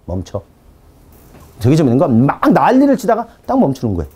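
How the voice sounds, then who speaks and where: A pastor teaching deliverance ministry speaks in a high voice that jumps around, rapid-fire with a breathy edge. He tells animated stories from his ministry and acts out his commands, sinking to a low, quiet, firm tone when ordering spirits to stop. His sermon is lively and conversational.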